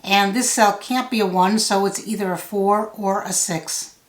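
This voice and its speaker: A woman giving a solve-along tutorial, thinking out loud step by step in a measured way. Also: mid-range voice, fairly even intonation. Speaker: puzzle tutor. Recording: roomy, echoey sound.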